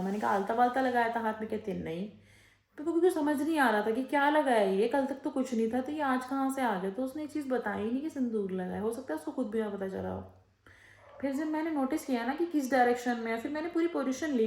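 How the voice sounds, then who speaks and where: A woman vlogging casually at home, telling a story with lively animation and mimicking the people she quotes, recorded on a handheld phone. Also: a little high. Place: room at home. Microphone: phone held in hand. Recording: echoey room on a phone.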